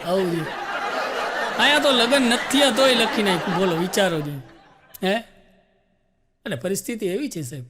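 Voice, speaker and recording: Animated high-voiced comedian. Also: male voice, over a noisy crowd, heavy background noise. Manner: animated storyteller, addresses audience as "saheb", recites couplets slowly. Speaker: stand-up comedian. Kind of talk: stand-up jokes and recited poetry.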